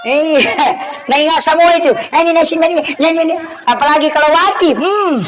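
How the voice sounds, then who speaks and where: A man's voice: very high voice, fairly quick, background noise. A man with a Bugis accent preaching a humorous sermon at an evening gathering, teasing the audience and acting out scolding parents.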